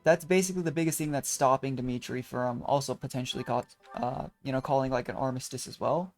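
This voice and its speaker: Fast chatty young man. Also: medium pitch, fairly even intonation, faint music behind. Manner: rambling, chatty, many fillers. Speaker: let's play host. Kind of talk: casual gameplay commentary.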